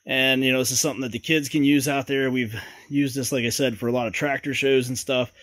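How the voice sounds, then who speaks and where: In a dry recording, a DIY host talks fast in a medium-pitched voice while working in his garage. He explains the home repair in a folksy, easygoing way, sprinkling in fillers.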